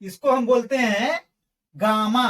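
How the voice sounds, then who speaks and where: A woman teacher with a slightly high voice gives an online math lesson at a slow pace, sounding far from the mic. She drills her students with call-and-response questions and calls the viewers her friends.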